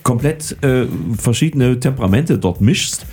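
A man hosting a podcast, telling lively anecdotes, laughing often and making sound effects. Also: medium pitch, unhurried, husky. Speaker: podcast host. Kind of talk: casual chat.

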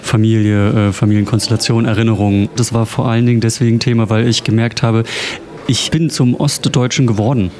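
A man co-leading a theater workshop talks briskly in an interview. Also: lowish voice, steady tone, darkish tone. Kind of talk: interview statement.

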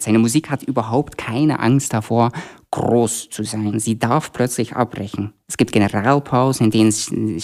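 A man's voice: mid-range voice, darkish tone. A man from Belgium, a concert dramaturge, eagerly explaining an upcoming symphony concert with frequent fillers. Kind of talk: radio promo talk.

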